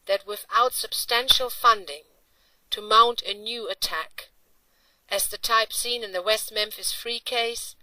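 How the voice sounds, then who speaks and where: A woman's voice: mid-range voice, pushed and bright, dry recording. A woman reading a formal, earnest scripted narration. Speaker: narrator of an advocacy video. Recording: distant dry voice over faint music.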